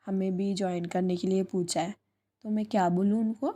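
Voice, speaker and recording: A woman's voice: medium pitch, fairly even intonation, moderate pace, mellow, natural voice. Woman voicing playful affectionate young woman. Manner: teasing, sweet, coaxing.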